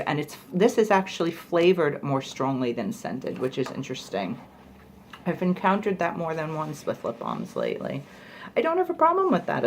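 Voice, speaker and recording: A woman's voice: deep voice, darkish tone, a little hiss or hum. A young woman chatting casually through a product review, rambling with fillers like "like" and "you know". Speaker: beauty vlogger.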